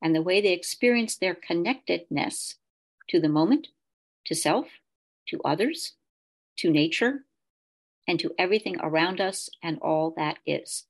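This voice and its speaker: A woman facilitating an online group meeting over a video call. She talks with a hesitant manner and fills her sentences with pauses. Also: lowish voice, lively intonation, gravelly. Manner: hesitant, many fillers.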